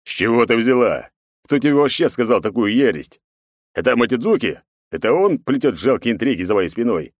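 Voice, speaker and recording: A man voicing a gruff, commanding middle-aged emperor and father in an audiobook. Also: medium pitch, big pitch swings, fairly quick, dry recording, clean studio sound. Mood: weary.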